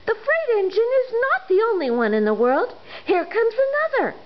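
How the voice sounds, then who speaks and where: A woman doing an excited toy clown. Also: extremely high pitch, moderate pace, lo-fi sound, pitched above the performer's own voice, heavily acted. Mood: eager. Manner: excited, eager calling out. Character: cheerful little male toy clown.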